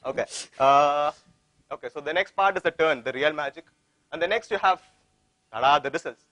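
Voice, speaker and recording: A man's voice: fairly high pitch, a little fast, fairly bright tone, dry recording. A man with an Indian accent giving an informal technical presentation, often repeating phrases and posing questions that he answers himself. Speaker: tech conference presenter.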